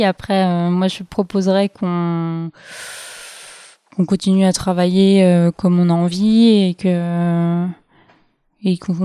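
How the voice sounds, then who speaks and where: A woman's voice: lowish voice, mellow, clean tone, dry recording, clean studio sound. A woman co-hosting a comedy podcast, playful and hesitant, improvising silly answers. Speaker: co-host. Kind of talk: casual comedic chat.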